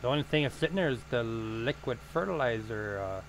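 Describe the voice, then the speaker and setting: A man's voice: medium pitch, animated, brisk, a little hiss or hum, rough recording. A man streaming a farming game, chatting casually with friends, swearing often and teasing them. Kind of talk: casual gaming chat.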